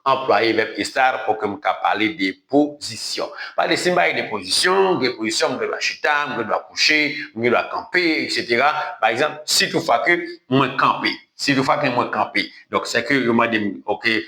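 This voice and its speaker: Bright-voiced man teaching, echoey room. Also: medium pitch, lively intonation. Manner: drills words slowly and repeatedly, checks in with "ok?". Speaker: Spanish language teacher. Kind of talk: online language lesson.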